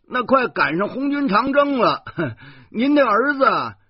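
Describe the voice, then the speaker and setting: Guy doing a mocking stammery tourist, squeaky high and husky, dry flat recording. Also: unhurried, no echo, muffled recording, full character voice. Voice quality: stammering, shrill. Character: mocking stammering male tourist, brash, quick to anger. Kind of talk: audiobook character voice.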